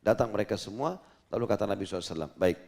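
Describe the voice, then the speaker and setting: A man's voice: fairly low pitch, racing, gravelly. Male preacher telling a story. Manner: lively retelling with voiced quotes. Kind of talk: storytelling religious lecture.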